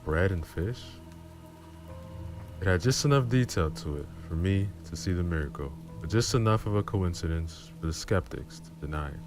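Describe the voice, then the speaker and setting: A man narrating horror stories in a calm, low-key reading style. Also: moderate pace, over music. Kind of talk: scripted story narration.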